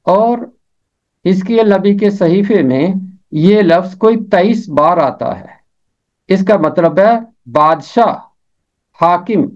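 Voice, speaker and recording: Slow, careful male teacher. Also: high-pitched. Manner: repeats each word slowly and carefully. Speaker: Urdu pronunciation teacher. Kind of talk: slow deliberate pronunciation lesson. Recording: dull lo-fi recording.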